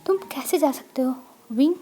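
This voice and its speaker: A woman's voice: sits high, moderate pace, mellow, close to an everyday voice. A woman voicing a worried, protective mother who scolds anxiously.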